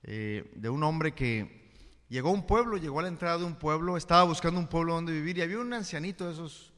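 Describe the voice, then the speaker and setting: A man's voice: on the high side, animated, quick pace, a bit bright. Man preaching in a reverberant hall. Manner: conversational preaching with frequent rhetorical questions. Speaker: pastor. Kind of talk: sermon.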